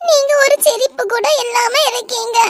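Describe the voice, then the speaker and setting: A woman voicing a tearful, very high-pitched young bride. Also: fairly even intonation, moderate pace. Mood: tearful pleading. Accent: Kanyakumari Tamil. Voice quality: very high, girlish. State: crying. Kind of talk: animated romance voice acting.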